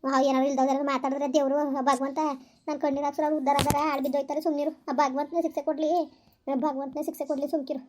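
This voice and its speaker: A woman plays a weary village mother, rattling off her words at a breakneck clip. Her voice sits high and barely moves in pitch, firm and fatalistic as she hushes her child. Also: level tone, noisy background, lightly acted. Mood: resigned. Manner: fast, scolding, fatalistic. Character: weary village mother, scolding yet resigned. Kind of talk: village family drama.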